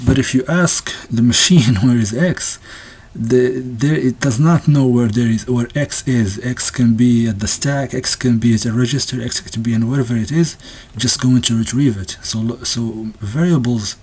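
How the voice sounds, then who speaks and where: A man with a slightly husky voice talks through a textbook in a casual, unscripted way. He often stumbles and restarts his sentences, and now and then he gives a small nervous laugh as he explains. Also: mid-range voice, moderate pace, hardly any pauses, a little mellow. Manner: hesitant, many restarts and fillers, occasional nervous laughs. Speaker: presenter discussing a textbook.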